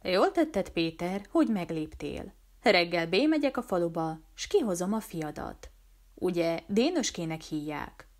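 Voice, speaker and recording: A woman voicing a rough forest man who talks bluntly and plainly, scolding yet kind, in a read-aloud story. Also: fairly low pitch, sing-song. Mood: firm. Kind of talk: audiobook character voice.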